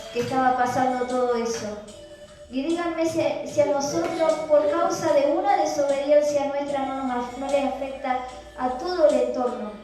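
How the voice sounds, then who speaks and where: A woman's voice: sits high, a little mellow. Argentine lady preaching in church, rhetorical questions, voice far from the mic in a big echoey room. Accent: Rioplatense Spanish. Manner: earnest, rhetorical, reads scripture aloud then explains. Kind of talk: sermon. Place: church hall. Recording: echoey hall from far off, music behind.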